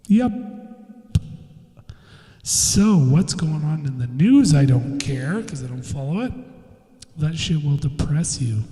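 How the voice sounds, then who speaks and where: A man's voice: mid-range voice, warm tone. A man hosting a casual solo podcast, rambling and self-mocking, mumbling his words and swearing freely. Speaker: podcast host. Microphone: desk microphone. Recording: echoey room with long reverb.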